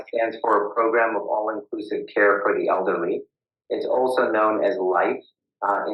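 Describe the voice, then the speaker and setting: A man testifying as a witness over a video call, hesitant with many uhs and ums, his voice muffled as if talking into a can. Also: lowish voice. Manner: hesitant, restarts with uh and um. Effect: muffled tin-can sound, as if talking into a can. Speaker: witness at a public hearing. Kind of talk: formal testimony with many fillers. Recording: echoey, dull lo-fi video call audio.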